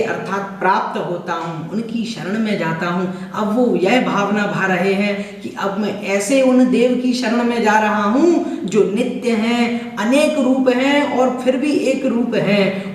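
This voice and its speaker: A man teaching a scripture lesson, explaining each word slowly and with deliberate care, sometimes chanting verses. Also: sits high. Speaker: religious teacher. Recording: echoey room, mic far off.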